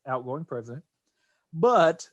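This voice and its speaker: A loud crowd can be heard as an American man hosts his podcast in casual conversation. His voice is slightly high and sing-song, his pace measured, and he rambles while often repeating and restarting phrases.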